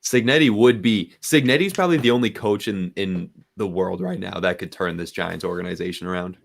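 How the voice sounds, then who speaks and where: Young male sports show host, deep voice with gravelly fry, laid-back delivery. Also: a little fast. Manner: relaxed, plugs socials and sponsor. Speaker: podcast host. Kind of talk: casual sports chat.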